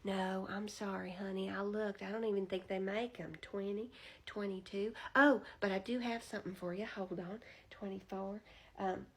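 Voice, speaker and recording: A woman voicing a sweet, doting elderly female bank teller who speaks in a high, cooing voice and calls everyone honey. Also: fairly even intonation, normal speed, breathy edge.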